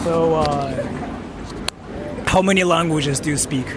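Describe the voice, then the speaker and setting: A Japanese livestreamer with a slightly high voice and a measured pace interviews people on a Tokyo street. He keeps the chat casual and full of jokey slang, and the noise of the crowded city street fills the recording.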